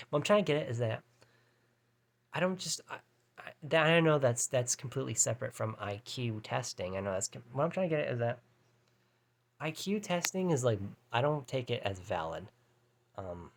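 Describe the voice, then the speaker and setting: A male vlogger in his thirties with a gravelly, mid-range voice talks to the camera in a casual monologue. He rambles and hesitates, with lots of fillers and restarts.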